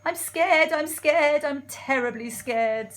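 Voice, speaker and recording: A woman voicing a timid, panicky male cook from a children's storybook, with drawn-out fearful wails. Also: high-pitched, voice pushed up. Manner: wailing, drawn-out fearful cries. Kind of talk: children's storybook read-aloud.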